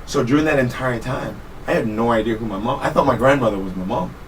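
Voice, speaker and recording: A man in his thirties, born in Trinidad and Tobago, telling his life story as a guest in a studio interview, relaxed and laughing easily. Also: medium pitch, fast talker. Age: 30s. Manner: relaxed, laughs often, self-correcting. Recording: distant mic with faint room noise.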